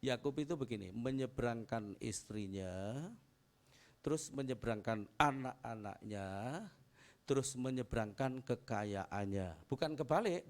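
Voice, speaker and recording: A man's voice: medium pitch, darkish tone. A middle-aged man preaching a chatty, anecdotal sermon as pastor, repeating phrases and calling for amens. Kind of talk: conversational sermon.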